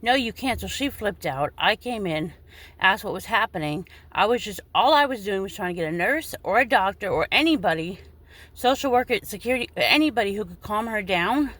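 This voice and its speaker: A woman's voice: mid-range voice, expressive, fairly quick, fairly bright tone. A woman in her forties, upset and indignant, venting straight to her followers in a video and cursing now and then. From United States. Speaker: vlogger.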